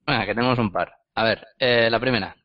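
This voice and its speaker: Stammering co-host with a Catalan accent. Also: male voice, mid-range voice, fast, no echo. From Barcelona, Spain. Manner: hesitant, stammering, with repeated words. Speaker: podcast co-host. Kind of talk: casual podcast chat. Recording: dry, slightly dull recording.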